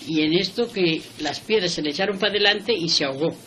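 A woman's voice: on the low side, fast talker, noisy background. Older Spanish woman telling a folk tale. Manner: homely, plain, with restarts. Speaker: storyteller.

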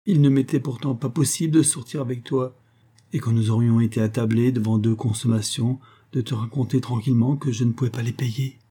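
A penniless young lover in a storybook reading, as a male narrator plays him, his voice mellow and a little husky. He pleads and stammers, then stiffens into wounded pride. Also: medium pitch, steady tone, brisk, natural voice. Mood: ashamed. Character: proud, broke young man, her lover.

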